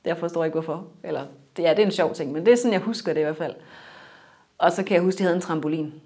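Soft-spoken low-voiced woman, reflective. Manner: reflective, halting, trails off softly. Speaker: interviewee. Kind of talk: personal interview.

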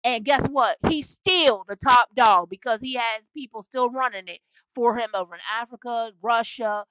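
Fervent woman preaching, high voice. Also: normal speed, no room sound, dull audio. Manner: fervent, repetitive, call-and-response asides. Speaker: self-described prophetess. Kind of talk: impassioned preaching monologue.

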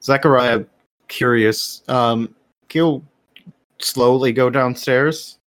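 A man with a mid-pitched voice plays a tabletop game, casually narrating his character's moves. He talks unhurriedly, and the sound is dry. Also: slow, fairly bright tone, no echo. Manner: casual, laughing, filler-heavy. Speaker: player.

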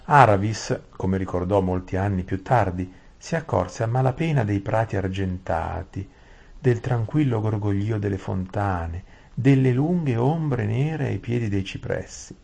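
Low, husky man telling a bedtime story softly, stumbling now and then. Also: unhurried. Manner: gentle, soothing, with small restarts. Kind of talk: reading a bedtime story aloud.

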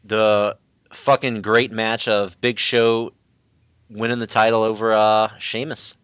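A man's voice: lowish voice, level tone, takes it slowly, a bit bright, clean tone, no echo, dull audio. A man hosting a casual chat podcast, swearing freely and rambling with fillers as he runs through the topics. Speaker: podcast host.

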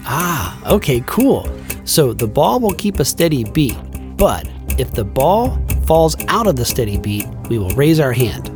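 A man's voice: mid-range voice, very animated, a little slow. A man co-hosting a children's music podcast, talking in a playful, scripted skit style.

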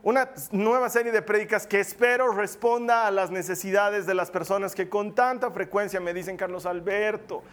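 High-voiced male pastor preaching. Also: moderate pace, few pauses. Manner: lively, jokey preaching with acted asides. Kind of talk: sermon. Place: church hall with congregation.

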